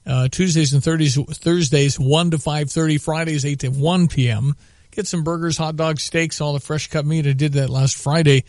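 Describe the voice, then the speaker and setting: A man's voice: on the high side, fairly even intonation, moderate pace, darkish tone, no echo, studio quality. A man hosting local sports radio, doing live ad reads and announcements.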